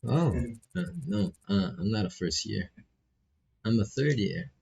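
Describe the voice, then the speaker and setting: Over a dull, lo-fi microphone, a streamer reads visual novel text aloud, stumbling and repeating phrases amid casual asides; English isn't his native language. The man's lowish voice is sing-song and creaky, a little mellow with a breathy edge, and he keeps a measured pace.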